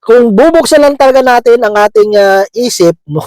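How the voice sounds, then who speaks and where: This preacher's voice is very high, smooth and darkish in tone, moving at a moderate pace, captured in a dry recording with poor audio. Chatting through his sermon, he chuckles often, sprinkles in English words, and keeps asking listeners "di ba?"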